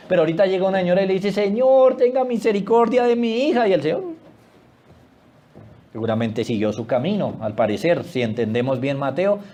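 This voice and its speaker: High-voiced animated preacher man. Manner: animated preaching, swings between loud exclamations and hushed low asides. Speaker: pastor. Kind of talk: sermon.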